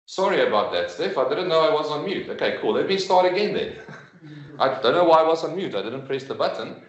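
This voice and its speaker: A man's voice: fairly high pitch, animated, fairly quick, dull audio. A man giving an informal, explanatory presentation to parents at an information evening, speaking conversationally on a video call. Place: room with in-person attendees, streamed on a video call. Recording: echoey room, video call recording.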